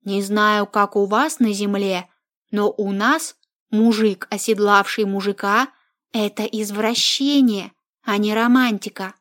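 A woman voicing a blunt, skeptical young woman who objects indignantly, read slowly. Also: medium pitch, steady tone, a bit bright, lightly acted.

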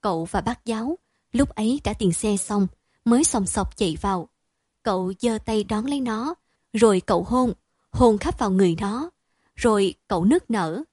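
A woman's voice: mid-range voice, expressive, moderate pace, a little mellow, breathy edge, no room sound. Woman reading a story, dry and close. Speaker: narrator.

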